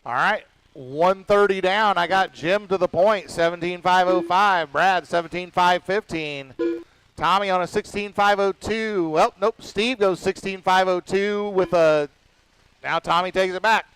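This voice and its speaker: A man announcing a radio-controlled car race, rattling off lap counts and times in a casual, quick-fire way. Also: sits high, fairly bright tone, smooth, dry recording, low-quality recording. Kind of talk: live race commentary.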